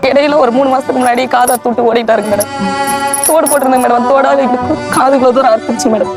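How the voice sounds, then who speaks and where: Brief: woman complainant on a TV show, pleading and respectful, fast-paced, music under her voice. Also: high voice, steady tone. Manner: pleading, adds respectful "madam" to nearly every sentence. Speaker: complainant on a family dispute show. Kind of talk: emotional testimony on a TV show. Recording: TV audio with music laid over.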